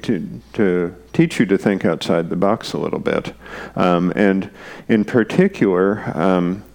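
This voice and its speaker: A man with a very deep voice and a gravelly, fry-laden texture, answering interview questions. He talks hesitantly, restarting phrases and filling pauses with "um" as he works through technical ideas. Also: darkish tone. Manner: hesitant, many fillers and restarts. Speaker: guest programmer and conference speaker. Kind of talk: unscripted technical explanation.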